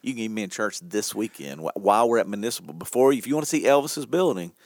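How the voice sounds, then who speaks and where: A man's voice: on the low side, lively intonation, fast, no echo, studio quality. A man co-hosting a church podcast, chatting casually and teasing his co-hosts with a laugh. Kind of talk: casual chat.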